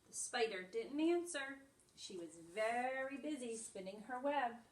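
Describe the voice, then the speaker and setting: A woman with a fairly high voice speaks as a preschool teacher, explaining things simply and reading aloud for small children. She is a little far from the microphone, and the room echoes clearly around her. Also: animated, a little slow. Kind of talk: simple lesson and read-aloud storytelling for young children.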